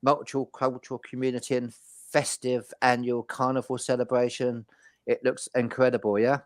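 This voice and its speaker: A man's voice: mid-range voice, flat delivery, normal speed, dry recording. A man hosting a casual travel chat, reading out details and handing over to his guests. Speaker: host. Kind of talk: casual presenting.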